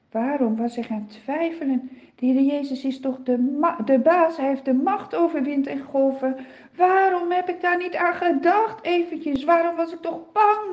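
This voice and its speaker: A woman telling a Bible story to children in an expressive, vivid way. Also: fairly high pitch, highs cut off.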